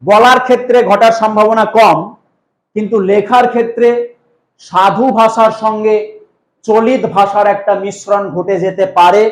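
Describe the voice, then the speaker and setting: A male teacher giving an exam-prep grammar lesson, asking questions and then answering them himself in a drawn-out explaining way. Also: high-pitched, fairly even intonation, reverberant, rough recording.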